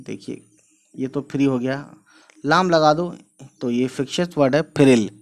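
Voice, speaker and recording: A man's voice: mid-range voice, moderate pace. A man teaching how to write letters and words in a casual online lesson, chatting along as he writes, often repeating filler phrases to his viewers. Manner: chatty, repeats "you know" and "guys", explains while writing. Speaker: Urdu script teacher.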